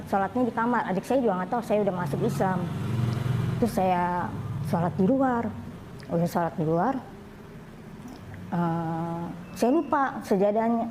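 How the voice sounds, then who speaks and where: Woman telling her story, mellow voice. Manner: plain storytelling, rising high when quoting others. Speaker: convert sharing her story. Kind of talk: personal testimony. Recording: faint background noise.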